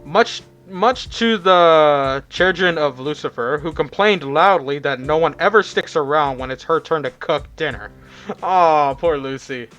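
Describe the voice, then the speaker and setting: A man's voice: fairly high pitch, a little slow, a bit bright, dull audio, soft background music. A man narrating a fan visual novel aloud, often stumbling and rereading words, with chatty asides. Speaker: narrator reading a fan game.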